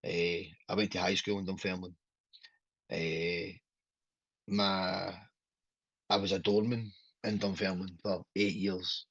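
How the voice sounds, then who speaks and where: A Glaswegian man in his thirties, a pro wrestler guesting on a casual podcast, speaks low with little pitch movement, slowly and with long pauses. His voice is husky yet fairly bright, and he rambles and swears, forever asking "do you know what I mean". The audio is dull, lo-fi and dry, with no echo.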